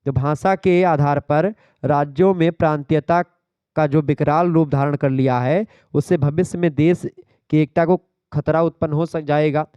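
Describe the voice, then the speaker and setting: A man's voice: a little high, fairly even intonation, moderate pace, mellow, smooth, no echo. A male teacher giving an exam revision lecture, explaining terms step by step and checking that his students follow.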